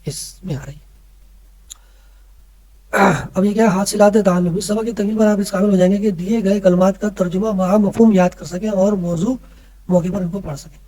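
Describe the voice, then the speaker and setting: A man's voice: high-pitched, mellow, a little hiss or hum, rough recording. A man teaching a religious lesson to children, patiently explaining and often checking that they follow. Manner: patient, keeps checking in with listeners.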